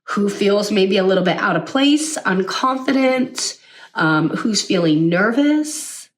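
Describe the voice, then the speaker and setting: A woman coach talks with lively, high energy in a chatty teaching style, often checking in with a quick "right?". Her voice sits at a middling pitch and sounds a little distant from the microphone. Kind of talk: teaching to camera.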